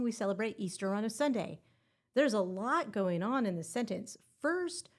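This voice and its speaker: A woman's voice: fairly high pitch, darkish tone. A woman hosting a scripted exam-prep podcast and teaching grammar in a playful, upbeat way with puns.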